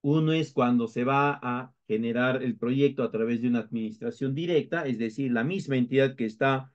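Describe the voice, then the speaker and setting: A man's voice: mid-range voice, normal speed. Peruvian man lecturing, muffled recording. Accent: Peruvian Spanish. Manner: explanatory, with frequent hesitations and restarts. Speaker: instructor.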